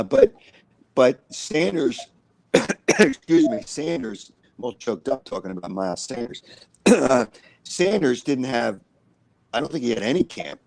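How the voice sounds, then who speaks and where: A man's voice: mid-range voice, a little mellow, dry recording, poor audio. A man talking through football analysis as a co-host, rambling and repeating himself with frequent uhs. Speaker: sports co-host. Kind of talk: casual sports analysis chat.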